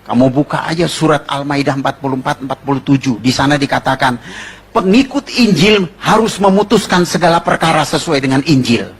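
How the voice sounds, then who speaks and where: A pastor with a Betawi accent preaching a lively sermon, firing rhetorical questions and jokes at the congregation. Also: male voice, fairly high pitch, a little fast, breathy edge. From Jakarta, Indonesia.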